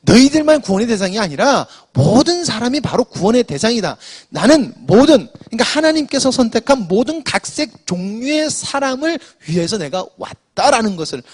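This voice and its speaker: This man's high-pitched voice is slightly rough as he preaches an afternoon church sermon. He explains scripture to the congregation, peppering his talk with "자" and frequently restarting with "so" to move on.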